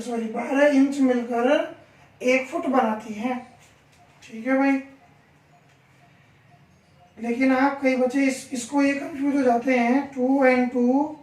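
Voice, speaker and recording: High-voiced male teacher in an echoey classroom. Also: darkish tone. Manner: asks rhetorical questions and repeats examples slowly. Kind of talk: classroom grammar lesson. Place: classroom with a board. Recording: echoey room, voice from far off.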